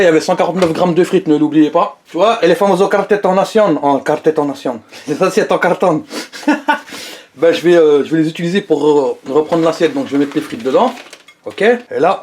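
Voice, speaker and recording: A young man talks straight to his viewers as he reviews fast food. His voice sits a little on the high side, and he keeps it loose and slangy, joking with the camera as he goes. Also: darkish tone. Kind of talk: casual food review vlog.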